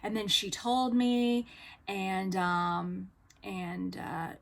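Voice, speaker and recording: A woman's voice: medium pitch, flat delivery, very slow, vocal fry. Chatty woman telling a personal story. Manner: chatty, many fillers, acts out quoted dialogue. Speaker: vlogger on living with BPD. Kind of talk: casual storytelling monologue.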